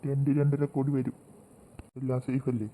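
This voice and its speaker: A man plays a cartoon robber boss and his henchman, talking over their loot in a flat, monotone way. The voice sits at an ordinary middle pitch, with a noisy soundtrack running underneath. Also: normal speed, natural voice. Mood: scheming. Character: gruff male robber gang, boss and henchman.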